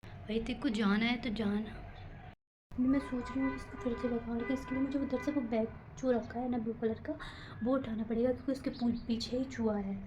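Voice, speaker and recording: A young woman vlogger with a slightly high voice talks straight to camera in a nervous, rambling way, poking fun at herself as she goes. Faint noise sits under the recording. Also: fairly even intonation, brisk. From India. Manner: nervous, rambling, self-mocking chatter. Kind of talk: casual vlog talk to camera. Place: rooftop and home room, indoors and out.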